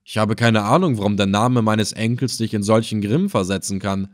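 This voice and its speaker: A man voicing an excitable, talkative old male helmsman in an audiobook, pleading and crying out. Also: lowish voice, moderate pace, dry recording, studio quality, lightly acted. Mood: defensive. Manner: pleading and wailing. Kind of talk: audiobook character voice.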